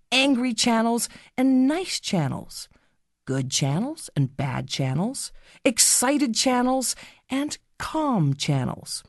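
Slow, expressive woman guiding a children's meditation. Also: medium pitch, no room sound, clean studio sound. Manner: slow, soothing, gently instructing. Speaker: guided relaxation narrator for children. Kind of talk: scripted guided meditation story.

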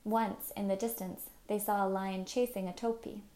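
A woman reads a novel aloud as an audiobook narrator, calm and measured. Her voice is mellow and warm, neither high nor low, with a steady, unhurried delivery.

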